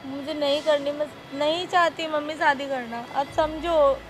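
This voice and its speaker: A woman's voice: high-pitched, steady tone, normal speed, soft background music, lightly acted. A woman playing a pleading young widow. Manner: pleading, distressed. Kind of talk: staged social drama acting.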